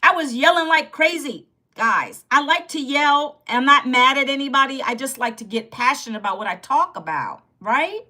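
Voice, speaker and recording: The Virginia livestream host, a woman in her fifties, sounds lively and forceful, her bright, high voice moving at a moderate pace. Chatty and direct, she keeps addressing viewers while explaining she lost her job. She mentions a sore back and a fear of losing her voice.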